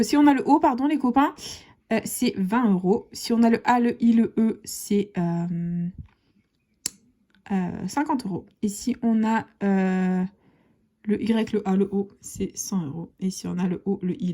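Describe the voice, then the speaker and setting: Chatty woman scratching lottery tickets, mellow voice. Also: medium pitch. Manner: chatty, addresses viewers as "les copains". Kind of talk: casual scratch-card commentary.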